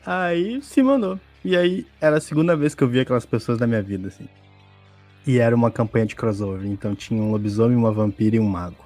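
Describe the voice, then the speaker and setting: A man's voice: mid-range voice, quick pace, faint music behind. A man telling a tabletop game anecdote in casual chat, acting out the characters and laughing as he goes. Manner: animated, acts out guards shouting with laughter. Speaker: podcast guest.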